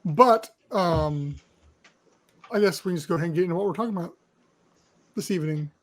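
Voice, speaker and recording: Man, high voice, podcast co-host, rambling, lots of fillers. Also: a little fast. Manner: rambling, with many fillers and restarts. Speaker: podcast co-host leading the show. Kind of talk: casual chat.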